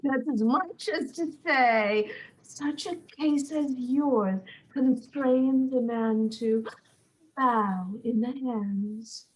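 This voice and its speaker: Woman as a teasing young nobleman, theatrical Shakespeare reading, measured pace. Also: a little high, darkish tone, poor audio. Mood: mocking. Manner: theatrical, teasing verse delivery. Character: witty, mocking young male nobleman.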